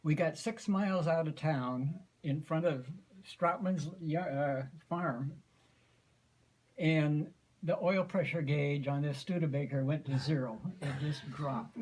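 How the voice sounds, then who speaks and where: An American man in his eighties telling a folksy, unhurried story informally to family, often clearing his throat. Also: a little high, darkish tone, poor audio. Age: 80s. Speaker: grandfather giving an anniversary speech.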